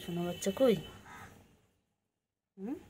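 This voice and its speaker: A woman's voice: mid-range voice, slow, dark tone, a little hiss or hum. A woman filming her cat on a rooftop, cooing and baby-talking to it in a sing-song, often whispery voice. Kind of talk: baby talk to a pet. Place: rooftop outdoors in warm weather.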